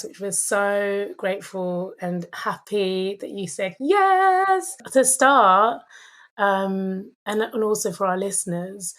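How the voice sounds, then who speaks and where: Bubbly, giggly woman co-host. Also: medium pitch. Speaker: podcast co-host. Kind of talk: casual chat among friends.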